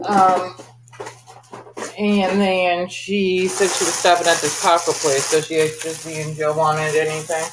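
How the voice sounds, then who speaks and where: A woman chatting casually on her live stream, talking in a relaxed, rambling way. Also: fairly low pitch, unhurried. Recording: noisy call audio.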